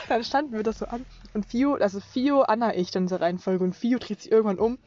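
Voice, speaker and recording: A young woman vlogger chatting casually, telling stories with lively acted-out quotes and frequent laughter. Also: on the high side, brisk. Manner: animated storytelling, acts out friends' quotes, laughs often. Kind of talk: casual chat. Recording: lo-fi dull sound.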